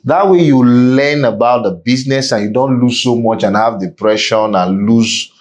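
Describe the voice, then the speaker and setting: A Nigerian man speaks conversationally as an interview guest. His voice sits at a middle pitch, and he drives his advice home in an emphatic, preacher-like way with rhetorical questions. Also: moderate pace. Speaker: podcast guest, real estate business executive.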